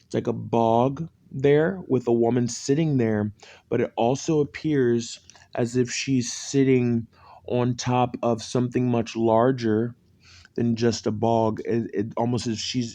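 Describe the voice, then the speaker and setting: A man's voice: mid-range voice, steady tone, takes it slowly, dark tone. A man giving an unscripted, mystical tarot horoscope reading, repeating phrases for emphasis like an incantation. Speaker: tarot reader, horoscope host.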